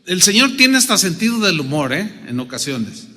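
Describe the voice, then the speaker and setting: A man with a Mexican accent preaching a sermon as pastor, humorous and animated, acting out little dialogues. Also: high voice, normal speed. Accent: Mexican Spanish. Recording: long reverb of a big hall.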